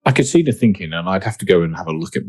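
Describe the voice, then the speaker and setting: Husky, lively-voiced male podcast host. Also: low voice, racing, dry recording. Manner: encouraging, laughs often, stumbling questions. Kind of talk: casual interview chat.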